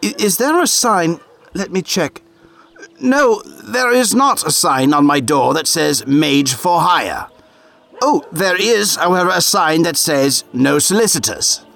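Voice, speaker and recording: Man voicing a dark elf wizard, sarcastic, sneering, gravelly, swooping pitch, haughty. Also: lively intonation, a little slow, full character voice.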